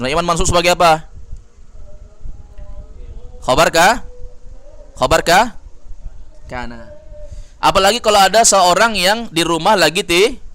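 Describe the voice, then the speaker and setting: A man from Indonesia leads a classroom lesson on Arabic grammar, his voice sitting a little higher than most men's. He explains each term, then quizzes his students as he goes. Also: bright, forceful tone. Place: study hall with students.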